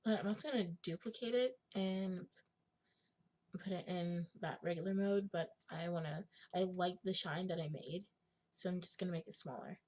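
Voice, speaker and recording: A young woman with a raspy smoker's voice giving a casual screen tutorial, thinking aloud in informal, slangy speech and often clearing her throat. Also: fairly low pitch, moderate pace, a little mellow. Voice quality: husky smoker's rasp with gravelly creak. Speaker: digital art tutorial host.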